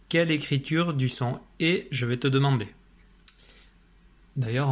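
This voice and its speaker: A patient male teacher gives a spelling dictation to a young child. He speaks to the child directly, slowing down to spell out each sound and letter. His voice sits at a middle pitch for a man. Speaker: primary school teacher. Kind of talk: online spelling lesson with dictation.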